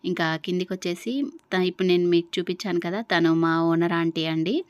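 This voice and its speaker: A woman's voice: on the low side, steady tone, moderate pace, darkish tone, dry recording. A young adult woman narrating her vlog in a chatty way, with many fillers. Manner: conversational, uses many fillers. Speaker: vlogger.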